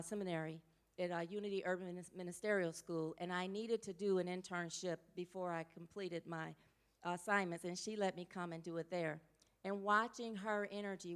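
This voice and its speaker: A woman minister introduces the guest speaker to her congregation. Her voice is bright and forward, with a smooth, clear tone. She talks in a chatty, emotional way and drops casual asides to the congregation. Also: mid-range voice. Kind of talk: church introduction speech. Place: church sanctuary.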